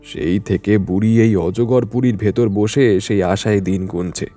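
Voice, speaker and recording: A man voicing an irritated, blunt village man in a story reading, gruff and scornful. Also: mid-range voice, animated, normal speed, warm tone, soft background music, natural voice. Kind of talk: storybook narration.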